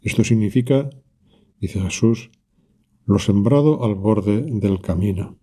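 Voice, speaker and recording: Calm low-voiced man leading prayer. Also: husky. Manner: calm, reflective, speaks directly to Jesus with pauses. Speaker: priest leading a prayer meditation. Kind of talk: spoken prayer meditation.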